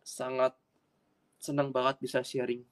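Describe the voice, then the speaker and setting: A man preaching a personal testimony sermon in an earnest way, with sudden loud bursts of emphasis and frequent repetition. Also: medium pitch, completely flat delivery, measured pace. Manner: addresses audience as friends, repeats himself.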